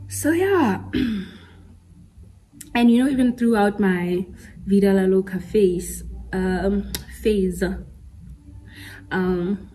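Casting: woman in her twenties, mellow tone, candid storytelling chat with easy laughs, faint room noise. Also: mid-range voice, low-quality recording. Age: 20s. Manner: candid, chatty, laughs often, mixes in Sesotho slang. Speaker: podcast host. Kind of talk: casual personal chat.

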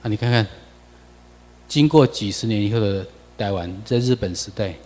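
A man with a Taiwanese accent giving a lecture over slides, animated and full of rhetorical questions to the audience. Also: fairly low pitch, moderate pace, in a large hall, slight background noise.

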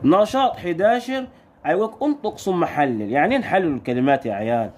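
Lively Egyptian man teaching small children. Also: a little high. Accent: Egyptian Arabic. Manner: sing-song, drawing out sounds slowly, quick questions to the children. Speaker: primary school Arabic teacher. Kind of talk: recorded lesson for young children.

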